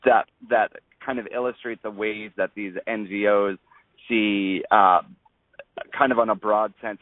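Low-voiced man, halting radio guest. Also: no room sound. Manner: halting, searching for words. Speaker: interview guest. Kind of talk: informal explanatory interview talk. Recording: dry, tinny narrow radio sound.

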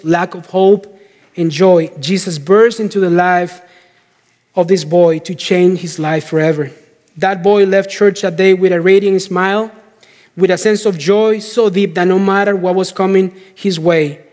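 A man telling a story as a preacher in a sermon, in measured short phrases with deliberate pauses. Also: high-pitched, darkish tone. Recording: long hall reverb.

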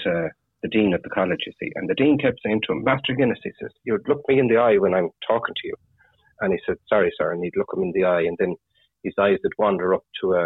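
A man with a west of Ireland, Galway accent telling anecdotes casually, in a husky, rambling, halting way with lots of "you know". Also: low-pitched. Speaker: fishing guide (gillie) interviewed as guest. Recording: tinny phone-like radio sound, roomy echo.

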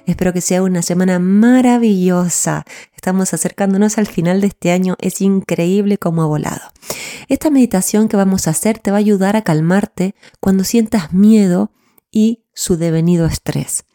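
A woman hosting a podcast and leading a guided mindfulness meditation in a soothing, gentle, unhurried way. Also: mid-range voice. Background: soft new-age music.

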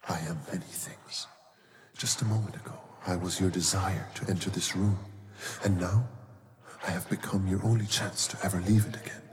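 A man voicing a sly, inhuman shadow creature that coaxes in a hushed, half-whispered way. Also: sits low, fairly even intonation, normal speed. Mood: coaxing menace. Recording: long hall reverb with clear noise.

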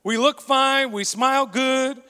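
A man's voice: very high-pitched, fairly even intonation, a little slow, pushed and bright, clear, resonant tone. A man preaching a sermon in an earnest, conversational storytelling way. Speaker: pastor. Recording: long reverb of a large hall.

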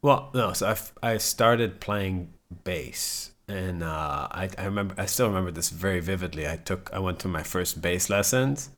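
A middle-aged man from Israel, a musician being interviewed, talking casually with halting restarts. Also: deep voice, fairly bright tone. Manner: halting, many restarts and fillers. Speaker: musician guest.

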